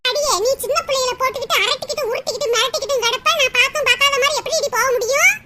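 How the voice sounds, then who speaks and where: A woman plays a scornful old cartoon grandmother who scolds and nags loudly in a rural southern Tamil accent. Her voice sits very high. Loud noise hisses behind her. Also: racing. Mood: scolding. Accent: southern Tamil Nadu rural. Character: scolding old village grandmother, sharp-tongued and meddling.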